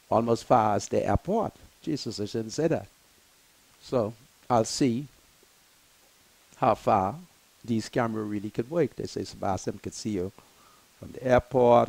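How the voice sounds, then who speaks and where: A middle-aged Bahamian man hosting a radio talk show, giving an impassioned monologue into a headset mic in a small studio, swinging from loud preaching to low muttering. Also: vocal fry, rough recording. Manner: gestures broadly while talking.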